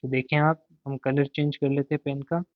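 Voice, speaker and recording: A man's voice: mid-range voice, flat delivery, moderate pace, no room sound. A man teaching a vocabulary lesson, asking a question and then answering it himself, repeating each word several times. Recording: tinny, dry, phone-like sound.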